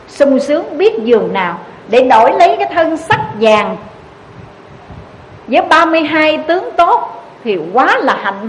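A woman's voice: sits high, slight background noise, rough recording. A Buddhist nun giving an earnest dharma talk, urging her listeners with repeated rhetorical questions. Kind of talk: sermon.

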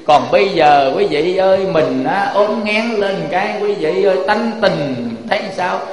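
A Buddhist monk with a Southern Vietnamese accent preaches in a fairly high voice. He keeps turning to his listeners with rhetorical questions. His voice rings in a roomy hall with a long tail of reverb. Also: measured pace, soft background music. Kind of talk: sermon.

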